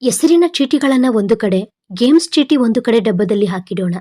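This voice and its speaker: A cheerful young man laying out the rules of a campfire game, voiced by a woman narrator. The voice stays fairly high and mellow, friendly and brisk, in an audio storybook. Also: expressive, no room sound, clean studio sound. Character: cheerful young man organizing party games.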